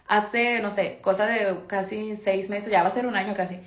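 A woman's voice: medium pitch, fairly even intonation, normal speed. A woman with a Mexican accent chatting casually as co-host, rambling through stories with lots of fillers. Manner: rambling storyteller, heavy on fillers. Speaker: podcast co-host. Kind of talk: casual chat. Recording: roomy echo.

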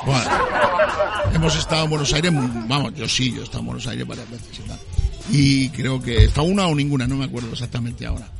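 A man's voice: mid-range voice, fast, gravelly, over loud music. A man hosting a playful talk show on an outdoor terrace, joking and rambling as he goes. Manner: joking, rambling, self-interrupting. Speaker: host.

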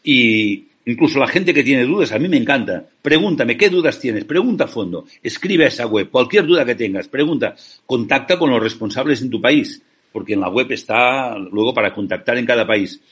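Earnest, persuasive male interviewee from Spain, husky and mid-pitched. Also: lively intonation, normal speed, a bit bright. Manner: passionate, persuasive, rhetorical questions. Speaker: ethical banking founder, interview guest.

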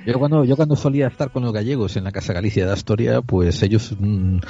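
A man co-hosting a casual Spanish podcast chat, telling stories in a lively way and laughing often. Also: lowish voice, fast, slightly rough. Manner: animated storyteller, laughs often. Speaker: podcast co-host. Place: abroad, at a Galician club in Astoria. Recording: dull lo-fi audio with faint music.

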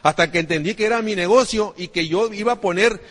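A man's voice: high voice, fast talker, a bit bright. A man gives a motivational business talk, repeating himself and asking the crowd rhetorical questions. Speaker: network marketing trainer. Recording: long hall reverb.

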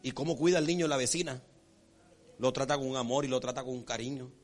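A man preaching a sermon as pastor, folksy and animated, acting out characters and checking in with his congregation. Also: mid-range voice, fast talker. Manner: repeats rhetorical check-ins with the congregation.

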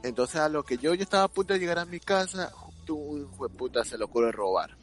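A man's voice: on the high side, fast, faint music behind. Young guy telling a wild story to his mates, voice jumping all over, lots of slang. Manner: animated, slangy, acts out sounds. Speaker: storyteller among friends. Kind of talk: casual chat, telling an anecdote.

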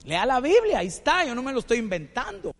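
High, bright-voiced preacher in a reverberant hall. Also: male voice, fast. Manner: animated storytelling, asks rhetorical questions. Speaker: pastor. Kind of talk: sermon.

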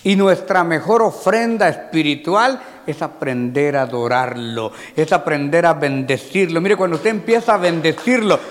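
A man preaching a sermon in a church hall, swinging from loud shouting to quiet asides, calling his listeners "brother" with folksy humor. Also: fairly high pitch, moderate pace, few pauses. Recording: long hall reverb, faint crowd.

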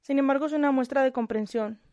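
A young woman from Spain with a Spanish accent, a kindergarten teacher giving a calm, reflective monologue with frequent hesitant restarts. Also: high-pitched, quick pace, dry recording, dull audio.

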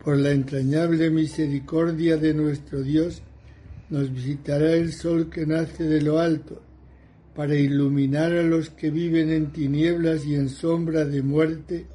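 A man leading recited liturgical morning prayer in a solemn, measured way, as a prayer leader. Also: on the high side, level tone. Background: soft music.

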